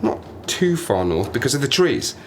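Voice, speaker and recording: Here the same kind of role gets a mid-range male voice with big swings in pitch, delivered at a moderate pace over a faint hiss or hum. He voices a lonely, half-mad survivor of a plane crash in an audio drama, self-mocking and wistful as he rambles aloud to himself like he's keeping a diary.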